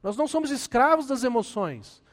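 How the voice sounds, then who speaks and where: Animated Brazilian man preaching in a hall. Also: very high voice, a little fast. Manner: animated preaching with self-deprecating humor. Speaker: pastor. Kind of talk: sermon.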